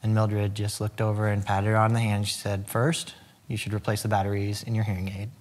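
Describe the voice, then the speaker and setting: A middle-aged man with a fairly low voice tells clean jokes in casual back-and-forth. He spins them out like little folksy stories, quoting each character. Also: flat delivery, brisk. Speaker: contestant in a joke-telling challenge. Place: indoor studio set.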